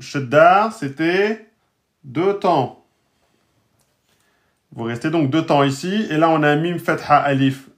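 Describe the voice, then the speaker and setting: Male teacher, fairly high voice, slow patient syllable drills. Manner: sounds out words very slowly, raising his pitch; speaks straight to his students. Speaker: Arabic and Quran reading teacher. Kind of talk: recorded lesson.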